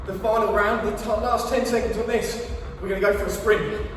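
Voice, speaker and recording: A man coaching a home workout, calling out energetic encouragement and counts with casual, jokey chat. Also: high voice, brisk, a little hiss or hum. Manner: upbeat, encouraging, energetic call-outs while exercising; jokey, chatty. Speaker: fitness coach leading a home HIIT workout. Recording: very echoey room, distant mic, faint music.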